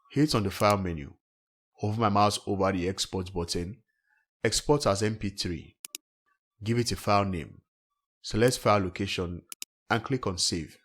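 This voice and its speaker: A male tech host, low-pitched and a bit rough-voiced, guides the audience through a software tutorial, delivering scripted instructions one step at a time.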